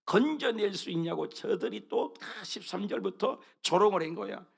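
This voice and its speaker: A man's voice: high-pitched, lively intonation, normal speed, gravelly, slightly rough. A man preaching a sermon as pastor, emphatic and constantly quizzing his congregation as they read scripture together. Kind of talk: sermon with call-and-response scripture reading. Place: church sanctuary.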